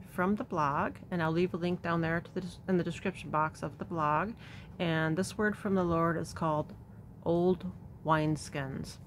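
A middle-aged woman hosting a devotional video, earnestly and reverently reading a prophecy aloud and then talking about it softly. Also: low voice, slight background noise. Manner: earnest, reverent, soft-spoken.

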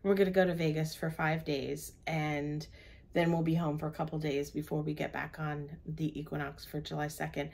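A woman's voice: low-pitched, little pitch movement, normal speed, gravelly, darkish tone. An older woman on a cruise ship, chatting through the day's events in a travel vlog from her cabin. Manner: chatty, recounts the day step by step. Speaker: travel vlogger. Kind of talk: casual chat.

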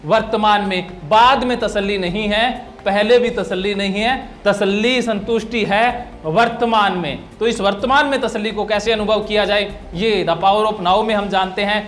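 High-voiced man explaining like a counsellor. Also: a bit bright. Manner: repetitive, emphatic teaching delivery. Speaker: psychological counsellor. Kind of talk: explanatory talk to camera.

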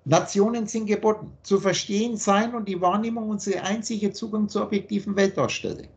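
A man giving an earnest philosophical teaching monologue on a video call, slowing down to stress key points. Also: sits high, steady tone, dull audio. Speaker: spiritual teacher.

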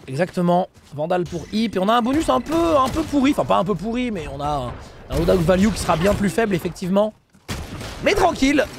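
A man commenting live on his team's esports match, excitable, repeating himself and breaking into shouts. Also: high-pitched, creaky, slight background noise.

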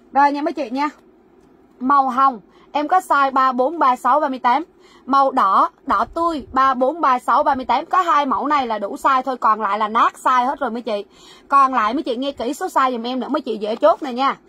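A woman's voice: high voice, a bit bright. A woman selling goods on a livestream, repeating sizes and prices and urging viewers to write down their orders. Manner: repetitive, coaxing viewers to comment orders. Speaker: livestream seller. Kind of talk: fast live-sale patter. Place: warehouse.

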